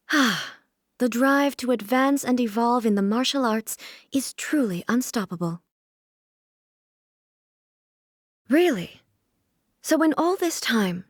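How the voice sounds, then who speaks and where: An actress playing a regal, aloof immortal shogun in a video game, speaking in a formal, stately, measured way. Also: female voice, a little high, no room sound, studio quality, lightly acted. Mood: composed, reflective. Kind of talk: scripted video game character voice lines.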